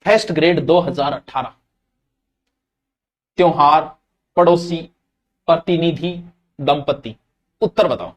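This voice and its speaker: Chatty high-voiced Rajasthani teacher. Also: male voice, slow pace, long pauses. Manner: chatty, addresses students directly, slips into Rajasthani dialect. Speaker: Hindi grammar teacher for exams. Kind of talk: live online exam-prep class.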